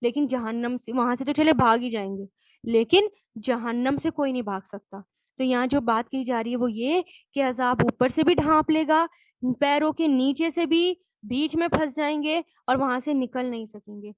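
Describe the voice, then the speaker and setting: A woman's voice: high-pitched, no echo, poor audio. A woman Quran teacher, giving a word-by-word lesson and glossing each recited Arabic word.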